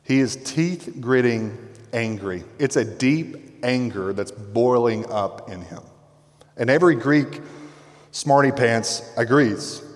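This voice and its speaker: A pastor preaching a sermon in a conversational, emphatic way, dropping to quiet intensity on key words. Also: male voice, medium pitch, slow pace. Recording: long reverb from a hall.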